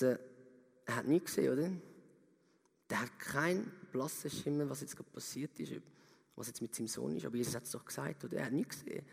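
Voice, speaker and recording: A man's voice: medium pitch, gravelly, slightly rough. A man preaching a sermon, emphatic and turning to his listeners with direct questions. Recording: long reverb in a hall.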